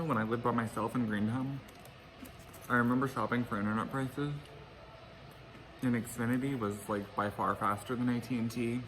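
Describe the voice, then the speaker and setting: A man rambling casually to his viewers as he eats fried chicken in a mukbang, recorded outdoors. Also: medium pitch. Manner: eating fried chicken while talking. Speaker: vlogger hosting an eating show. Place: outdoors by a pool. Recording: clearly noisy outdoor ambience.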